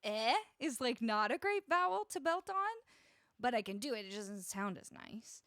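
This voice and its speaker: Lively, chatty woman streamer. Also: on the high side, moderate pace, no echo, clean studio sound. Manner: chatty, laughs often, greets viewers by name. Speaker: music streamer and singer. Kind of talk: casual live-stream chat with viewers. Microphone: studio broadcast microphone, close.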